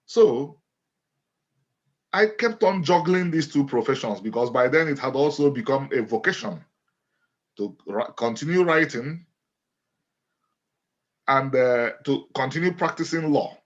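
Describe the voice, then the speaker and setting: Measured Nigerian man, lo-fi sound. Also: mid-range voice, expressive. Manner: measured, deliberate, restates phrases. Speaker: guest, author and lawyer. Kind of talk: interview storytelling. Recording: dull lo-fi audio.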